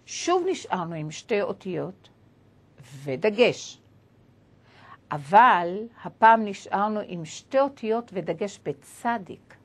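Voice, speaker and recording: A woman teaches a lesson with a slightly husky voice. Her pitch rises and falls a lot as she explains. She goes step by step and spells out letters one at a time. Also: expressive.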